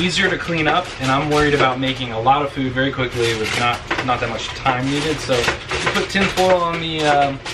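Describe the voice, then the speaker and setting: A young man in his twenties who works for a church, casually vlogging, chatty and rambling with lots of fillers. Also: on the high side. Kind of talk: casual vlog. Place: car, then home kitchen. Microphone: camera on dashboard, then camera on kitchen counter. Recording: distant camera mic with loud road noise.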